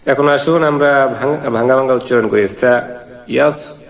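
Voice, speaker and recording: A man teaching Quran reading, spelling out syllables one by one and then chanting the verses in a drawn-out melody. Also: mid-range voice. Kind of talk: slow step-by-step recitation lesson. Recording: long hall reverb.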